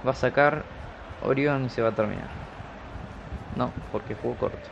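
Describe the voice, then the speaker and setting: A man with an Argentine accent and a gravelly edge commentates a football video game casually, rooting for his side in colloquial terms. The sound is dull and lo-fi, with clear noise behind him. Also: mid-range voice, moderate pace. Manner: colloquial, partisan cheering on players. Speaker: YouTube gamer commentating his own match. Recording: dull lo-fi audio with loud noise.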